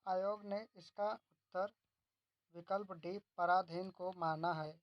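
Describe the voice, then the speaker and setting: Low, dry-voiced woman reading a quiz. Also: steady tone, slow, no echo, lo-fi sound. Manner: reads options out one by one, then gives the answer and explains it. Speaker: exam tutor. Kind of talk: reading quiz questions and answers.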